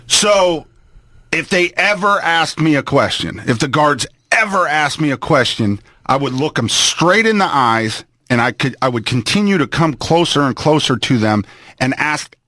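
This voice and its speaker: A man's voice: medium pitch, bright, forceful tone, no room sound, studio quality. A middle-aged man telling a story in casual chat, blunt and crude, acting out the people in it.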